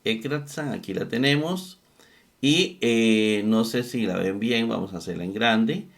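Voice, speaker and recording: A man's voice: mid-range voice, sharp tone. A man teaching a methodical lesson on Greek verb forms, repeating each term and thinking aloud as he looks things up. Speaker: Bible exegesis teacher. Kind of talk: slow screen-share lesson on Greek grammar.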